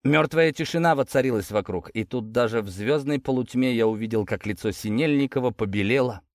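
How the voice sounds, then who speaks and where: A man's voice: mid-range voice, brisk, no echo, clean studio sound. A man narrating a first-person audiobook in a tense, dramatic way. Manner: tense, dramatic, lively delivery.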